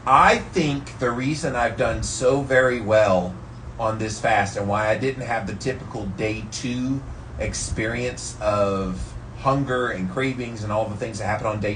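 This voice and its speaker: A man's voice: mid-range voice, a bit bright. A man sitting in ice cold water, explaining things casually to his followers like a health vlogger. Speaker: vlogger sharing health tips. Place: in an ice bath, ambient noise behind. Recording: distant mic, background noise.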